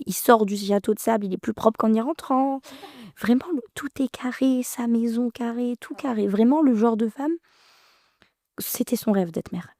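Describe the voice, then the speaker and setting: Podcast guest, woman in her 30s, mellow voice, halting, emotional telling, dry close sound. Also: fairly high pitch, no room sound. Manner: halting, emotional, many restarts. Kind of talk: personal storytelling.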